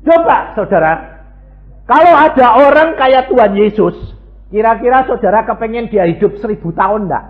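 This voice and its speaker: An animated male pastor with a fairly high voice, swinging between loud exclamations and low asides as he questions the congregation. The sound is thin and phone-like and rings in an echoey church hall. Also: moderate pace. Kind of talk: lively sermon.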